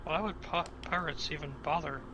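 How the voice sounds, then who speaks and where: A man's voice: fairly high pitch, fairly even intonation, moderate pace, creaky, background noise. A young man co-streaming a game, making dry sarcastic remarks in casual chat.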